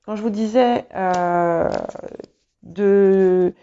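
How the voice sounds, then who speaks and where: A tarot reader, a native English speaker, gives her reading slowly and haltingly, full of fillers and restarts. Her mid-range voice is mellow, unhurried and clean-toned, picked up on a small clip-on mic, and the recording comes across slightly dull and lo-fi.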